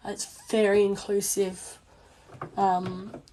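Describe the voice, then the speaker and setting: Sewing at home during a casual livestream, this young Australian crafter and small business owner talks in a hoarse, failing voice, since she's losing it after being ill. Her speech is medium-pitched, level, slow and mellow, with a rambling, informal, self-deprecating manner. Clicking noises fill the noisy room.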